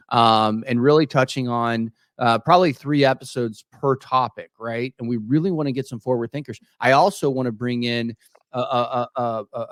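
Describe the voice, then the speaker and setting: A man in his late thirties chats casually as a podcast co-host. He talks in an animated way and often repeats words as he restarts. His voice is mid-pitched and sits close and dry on the mic. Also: no echo. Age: 30s.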